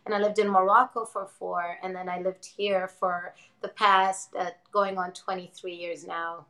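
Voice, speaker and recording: An earnest woman in her forties from Jordan talks as a guest in a relaxed interview. She speaks reflectively and circles back on her words, often with soft laughter. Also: mid-range voice, measured pace, rough recording. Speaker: interview guest, energy-healing teacher. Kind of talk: casual interview conversation.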